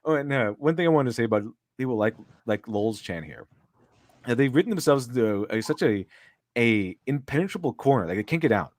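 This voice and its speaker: A man's voice: medium pitch, expressive, brisk, no echo, clean studio sound. Sarcastic man on a livestream. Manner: mocking, sarcastic, laughs often. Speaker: streamer and co-host. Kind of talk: casual livestream chat.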